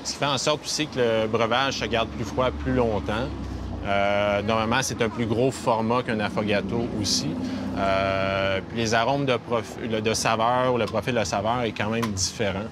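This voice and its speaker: A man's voice: on the low side, fairly even intonation, moderate pace, noisy background. A man, café staff describing a coffee drink with frequent fillers and hesitations. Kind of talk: casual interview.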